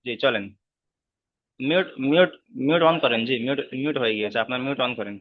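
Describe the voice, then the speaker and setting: A man teaching Quran reading in an online class, patient, repeating each sound slowly over a video call. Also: medium pitch, expressive. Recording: slightly dull online call audio.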